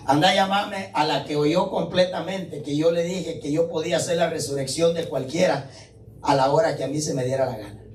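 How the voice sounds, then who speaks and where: A male pastor preaches in a chatty, conversational way and keeps asking his listeners whether they follow. His voice is a little high for a man. It comes from some way off the mic in an echoey church hall with faint room noise. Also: fairly even intonation, a little fast, darkish tone, recorded from a distance. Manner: conversational, keeps checking in with the congregation. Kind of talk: sermon.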